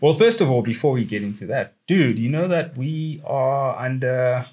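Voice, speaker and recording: A man's voice: mid-range voice, lively intonation, moderate pace, darkish tone. A young South African man co-hosting a podcast in loose, rambling casual chat, laughing often and calling his friend bro and dude. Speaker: podcast co-host.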